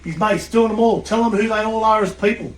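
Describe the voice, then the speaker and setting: A man, a podcast guest and coach, telling an animated story in a blunt, swearing way. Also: high voice, fairly quick. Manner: blunt, swears freely, acts out quotes. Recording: echoey room.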